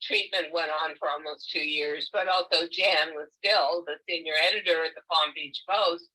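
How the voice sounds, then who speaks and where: An older woman with a bright, forceful tone and a slightly low voice speaks over a video call. She tells her own story candidly and with emphasis, as an author talking with a book club. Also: fairly even intonation, moderate pace, breathy edge, poor audio. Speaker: author and guest. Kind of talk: conversational interview. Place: home, virtual meeting.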